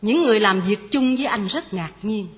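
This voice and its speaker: An older woman narrating a children's fairy tale gently, as a grandmother to her grandchild. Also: mid-range voice, animated, brisk, a little hiss or hum. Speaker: storyteller grandmother.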